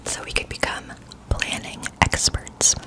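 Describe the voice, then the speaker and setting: A woman in a whispered role-play, chatting as if to a close friend, keeping hushed and quiet at night so nobody wakes. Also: unhurried. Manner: quiet at night, hushed so as not to wake others. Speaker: ASMR performer.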